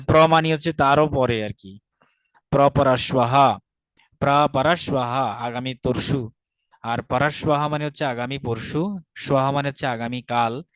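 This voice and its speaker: A man with a Bangladeshi Bengali accent teaching a Sanskrit lesson online, patiently repeating each word slowly for pronunciation. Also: medium pitch, no room sound.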